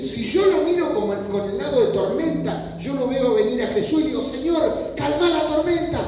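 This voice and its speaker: A man's voice: high-pitched, a little mellow, a little hiss or hum. A man with a Rioplatense Spanish accent preaching a sermon, telling stories in a loose, conversational way and acting out pleading voices. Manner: informal storytelling preaching, acts out pleading voices. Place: church meeting hall. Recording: echoey hall, voice from far off.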